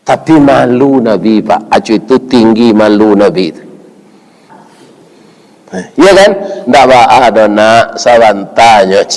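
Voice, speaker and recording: A male preacher with a Minangkabau accent gives a storytelling sermon, full of lively, joking asides and chuckles. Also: on the low side, takes it slowly, long pauses, poor audio.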